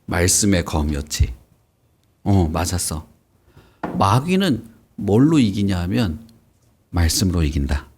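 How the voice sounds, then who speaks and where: A man teaching a Bible lesson to children, animated and questioning the kids as he goes. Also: sits low, measured pace, pauses often, breathy edge. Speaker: Sunday school teacher.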